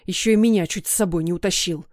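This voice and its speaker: A woman's voice: on the low side, fast, darkish tone, dry recording, studio quality, natural voice. A woman voicing a troubled middle-aged father who grumbles and snaps defensively. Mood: grim. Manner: gruff, grumbling.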